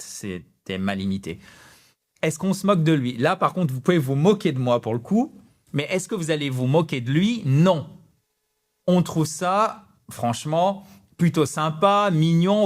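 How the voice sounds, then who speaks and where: French man, slightly high voice, chatty English teacher with self-mocking asides, direct-to-camera lesson.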